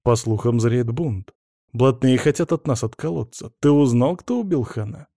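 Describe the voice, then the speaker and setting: A man's voice: medium pitch, moderate pace, warm tone, dry recording, lightly acted. Sly, wheedling business partner, read by a male narrator, dry close sound. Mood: ingratiating. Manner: wheedling, cautious. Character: wary male business partner on the phone, ingratiating.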